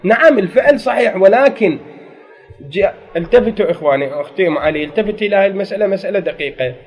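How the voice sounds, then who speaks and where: A man's voice: sits high, lively intonation, racing. A man with an Iraqi accent lecturing a class on grammar, asking questions and answering them himself. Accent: Iraqi Arabic. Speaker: grammar teacher. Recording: dull lo-fi recording.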